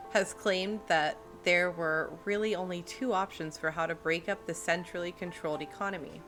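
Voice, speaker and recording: Lady streamer reading a book out loud on stream, lowish voice, jokey asides, a little music in the back. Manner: reads steadily, breaks off into joking self-deprecating asides. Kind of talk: reading aloud with casual chat asides. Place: home streaming setup.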